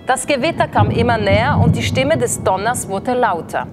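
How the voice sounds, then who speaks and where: A woman slowly reading a children's story aloud in a gentle storytelling manner. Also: fairly high pitch, loud music behind the voice. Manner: slow, gentle storybook narration.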